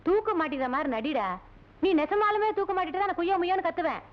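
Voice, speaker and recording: A cunning village mother with a high voice and a sharp tongue, scolding and plotting in earthy village talk. The film audio is dull and lo-fi. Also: expressive, racing. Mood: scheming. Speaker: mother of the hero. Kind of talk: Tamil film drama dialogue.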